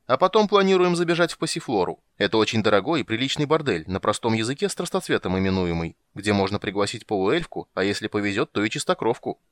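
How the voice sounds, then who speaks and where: A man's voice: fairly low pitch, big pitch swings, quick pace, hardly any pauses, no echo. A man voicing a boastful, flamboyant male bard in an audiobook, teasing and exclamatory. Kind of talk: audiobook character voice.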